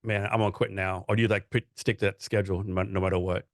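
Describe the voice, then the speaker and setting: A man's voice: deep voice, little pitch movement, quick pace, no echo. Rambling male podcast host, dry sound. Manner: loose, rambling questions with frequent "right?" and "like". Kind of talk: casual interview chat.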